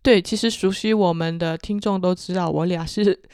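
A woman's voice: lowish voice, steady tone, moderate pace, a little mellow, clean tone, no room sound, clean studio sound. A woman with a Teochew accent from the Chaoshan region, co-hosting a casual podcast chat. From Chaoshan, Guangdong, China. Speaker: podcast co-host.

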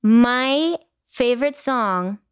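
A young woman hosting a podcast, chatting casually and gushing with warmth, slipping in Spanish phrases. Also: fairly high pitch, expressive, very slow. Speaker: podcast host. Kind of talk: casual chat.

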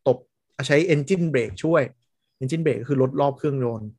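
A man chatting casually on a podcast, rambling through his points with loose fillers and frequent laughs. His voice sits at an ordinary pitch and sounds close and dry, with no room around it. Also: measured pace, dark tone, no echo. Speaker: podcast co-host. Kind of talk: casual chat.

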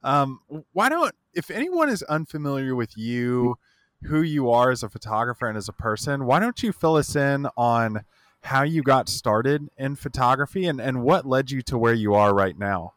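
A man hosting a podcast, introducing the show and his guest in a relaxed, casual way. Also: mid-range voice, normal speed, dry recording, studio quality. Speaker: podcast host.

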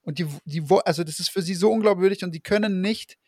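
A man's voice: high-pitched, fast talker, darkish tone, no room sound, studio quality. A man hosting a podcast, talking casually and rambling with many fillers and restarts. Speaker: podcast host. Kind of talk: casual conversation.

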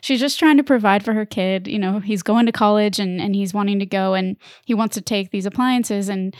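A woman in her thirties co-hosting a podcast, chatty and quick to laugh. Her voice sits at a middling pitch. The sound is dry and close, with no room around it. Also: dry recording. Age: 30s. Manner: chatty, laughs often, jumps into animated impressions. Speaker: podcast co-host. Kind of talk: casual chat.

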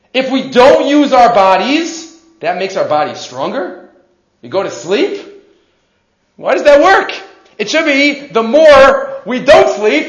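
High-voiced man teaching. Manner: emphatic, asks and answers own questions, repeats phrases. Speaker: rabbi teaching a Torah class. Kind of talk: animated religious lesson. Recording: echoey room, dull muffled sound.

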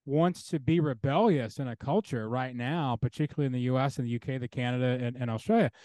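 A man's voice: medium pitch, quick pace, dark tone, no echo. A man speaking as an interview guest and theologian, talking earnestly and building his points through repeated parallel phrases.

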